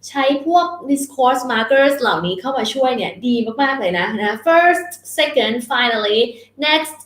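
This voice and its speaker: High-pitched lady teacher going over vocab, patient, repeats stuff a lot. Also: slow pace, fairly bright tone, reverberant. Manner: patient, repeats words and adds polite particles. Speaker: English teacher. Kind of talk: vocabulary lesson.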